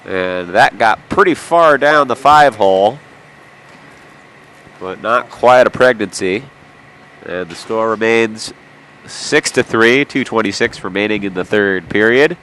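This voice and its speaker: A man's voice: lowish voice, measured pace, fairly bright tone, a little hiss or hum. A man with a nasal voice from a cold, calling amateur hockey play-by-play in an indoor arena with chatty, jokey asides. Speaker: play-by-play commentator.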